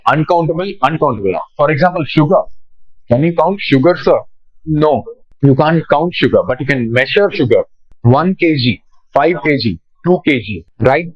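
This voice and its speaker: A man's voice: on the high side, expressive, moderate pace, husky, dry recording. Indian man teaching, dull dry sound. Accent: Indian English. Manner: conversational, asks questions and answers them. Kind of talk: classroom lecture.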